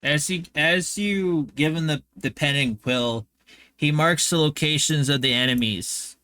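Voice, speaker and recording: A man runs a tabletop game as game master at a slow, unhurried pace. His voice is bright and a little forceful. It sounds close and dry. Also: fairly high pitch, clear, resonant tone, no echo. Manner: unhurried, stops to place tokens.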